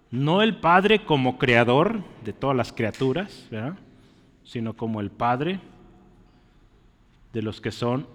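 Speaking at a medium pitch with a slightly bright tone, a man gives a sermon in church. He teaches and often poses short questions to the congregation, all under a long church reverb.

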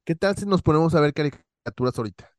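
A man, a podcast co-host telling stories in casual chat, animated and full of slang. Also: a little high, fast, dry recording. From Monterrey, Mexico. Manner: animated storyteller, acts out voices, heavy slang.

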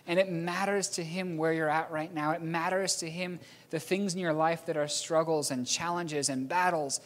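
A New Zealand man delivers a storytelling sermon in a slightly high, steady voice at normal speed. He rambles a bit, corrects himself, and chuckles at his own slips, all within a long hall reverb.

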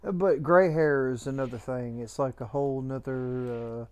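A man with an average-pitched voice co-hosts a casual podcast. He talks in folksy, colloquial phrases, bantering and spinning small stories as he goes. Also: fairly even intonation, moderate pace, smooth. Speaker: podcast co-host.

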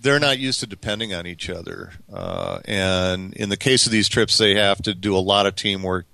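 A man with a low, bright and forceful voice tells lively stories as a podcast guest. He talks with plenty of uh's and restarts. The sound is dry and close, with no room echo. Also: normal speed, creaky. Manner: lively anecdotes with many fillers and restarts. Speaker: podcast guest, outdoor youth mentor. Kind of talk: storytelling interview talk.

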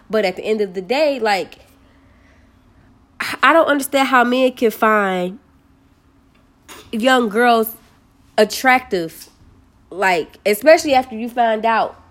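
A young woman with a slightly high voice talks in a casual, blunt and animated way. She swears freely as she chats with her co-hosts. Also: unhurried. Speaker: podcast co-host. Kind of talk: casual chat.

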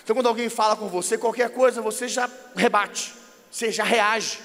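Man, Brazilian Portuguese accent, high voice, lively storytelling sermon, long echoing hall. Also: brisk. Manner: lively storyteller who acts out dialogues. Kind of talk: informal sermon on marriage.

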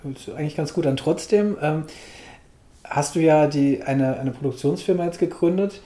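A man hosting an interview, asking questions in a halting way and searching for words. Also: on the high side, dark tone, echoey room. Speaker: podcast host, interviewer. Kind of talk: casual interview.

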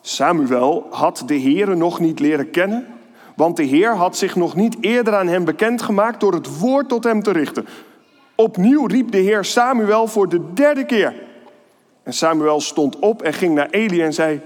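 Man pastor, high voice, lively kids' sermon, long church reverb. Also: a little slow. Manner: lively, playful storytelling to children. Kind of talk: children's sermon with Bible reading.

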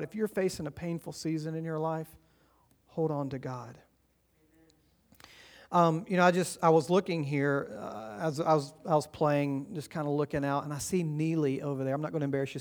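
A man preaching a sermon as pastor, earnest and encouraging, swinging between loud urging and quiet, hushed lines. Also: fairly high pitch. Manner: earnest, encouraging, rises and drops in volume.

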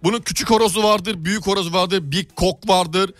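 A man's voice: high-pitched, fairly even intonation, brisk, fairly bright tone, dry recording, faint music behind. A man on a morning radio show, playing a language teacher and mock-lecturing in a teasing way. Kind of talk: comic radio banter.

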